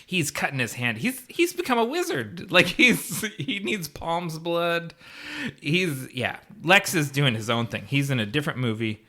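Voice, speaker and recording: A man's voice: fairly high pitch, very animated, unhurried, sharp tone. A man co-hosting a podcast, recapping a movie in casual chat with sarcastic asides and frequent laughter. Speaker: podcast co-host.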